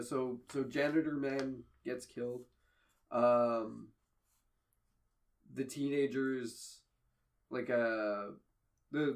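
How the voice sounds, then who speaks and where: A man's voice: medium pitch, distant mic. A man co-hosting a podcast, chatting casually about a film, laughing often and swearing freely. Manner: laughs often, loose and profane. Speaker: podcast co-host. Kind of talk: casual movie chat.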